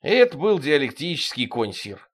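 A man's voice: a little high, very animated, normal speed. A man doing a sly, dry-voiced count. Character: sly, calm male count advisor.

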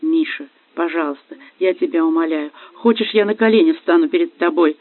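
A man's voice: on the high side, a little fast, close to an everyday voice. A man voicing a desperate young wife who pleads through tears. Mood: pleading. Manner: pleading, tearful. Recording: dry, phone-like lo-fi.

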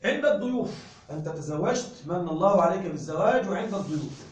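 A man's voice: high-pitched, animated, quick pace. A man teaching an Arabic grammar lesson, drawing out words, repeating patterns and checking that his listeners follow. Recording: very echoey room, mic far off.

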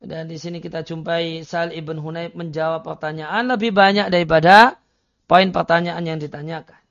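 A man's voice: a little high, steady tone, normal speed, fairly bright tone, no echo. A man giving a religious study lecture, reading Arabic lines and explaining them, with frequent hesitation fillers. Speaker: Islamic religious teacher. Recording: dry, dull lo-fi recording.

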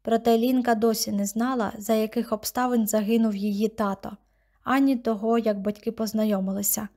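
A woman narrating an audiobook with steady, measured reading. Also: a little high. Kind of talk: scripted narration.

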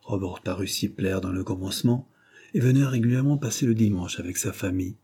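A man reading a classic novel aloud as an audiobook narrator, with a steady, even delivery. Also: lowish voice, a little fast, slightly rough.

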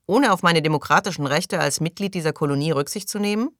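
A man reading an audiobook, voicing an irritable, pompous male colony doctor who speaks loudly and defensively. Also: fairly high pitch, quick pace, dry recording, clean studio sound. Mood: indignant. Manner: indignant, loud, defensive.

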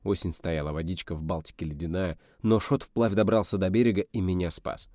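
A man voicing a stern, gruff navy captain in his sixties who talks in a commanding, bitter way. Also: low-pitched, fairly even intonation, fairly quick, a little mellow, no echo, studio quality, close to an everyday voice. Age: 60s.

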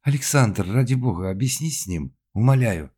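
A man's voice: medium pitch, animated, normal speed, mellow, breathy edge, voice pushed up. A man voicing a frightened young actress in an audiobook, urgent and pleading in his delivery. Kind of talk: audiobook character voice.

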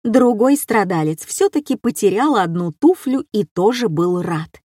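Woman reading a funny story, dry deadpan delivery, no room echo at all. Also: mid-range voice, a little slow. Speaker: narrator. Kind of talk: humorous storytelling.

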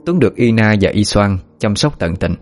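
A man narrating a story at a steady, even pace. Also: lowish voice, normal speed. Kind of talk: scripted narration. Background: faint music.

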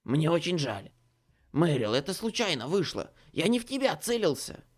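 A man's voice: fairly high pitch, very animated, normal speed, pitched above the performer's own voice. A man voicing a bearded, cowardly male changeling who pleads frantically in an audiobook. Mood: pleading. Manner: pleading, frantic, near sobbing. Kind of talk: audiobook character voice.

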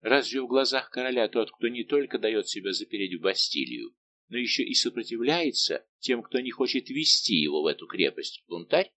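A man reading an audiobook, voicing a middle-aged musketeer captain who answers calmly, respectfully and without yielding. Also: medium pitch, normal speed. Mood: calm defiant. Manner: calm, steady, respectful but unbending.

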